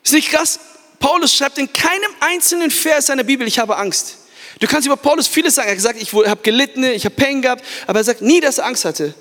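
High-voiced preacher in an echoing hall. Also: male voice, lively intonation, fast, pushed and bright. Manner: fervent preaching, asks the crowd "Amen?", mixes in English words. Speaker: youth pastor. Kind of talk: sermon. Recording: echoey church hall.

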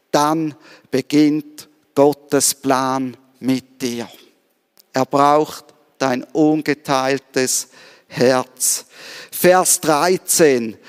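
Earnest high-voiced male preacher, reverberant hall. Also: clear, resonant tone. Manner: earnest, asks the listener direct questions. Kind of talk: sermon. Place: church service.

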